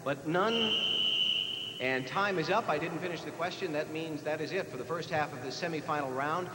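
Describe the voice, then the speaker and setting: An American man hosts a live televised quiz competition, reading out questions and ruling on answers. His voice is a little high and at normal speed, captured in a noisy, echoey 1980s broadcast from a large hall with crowd noise.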